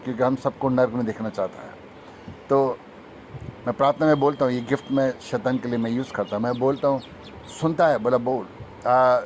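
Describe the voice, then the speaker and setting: Male preacher, mid pitch, rapid emphatic testimony, light road noise behind. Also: a little mellow. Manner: fast-talking, emphatic, breaks into sung hymn. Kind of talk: Hindi testimony sermon.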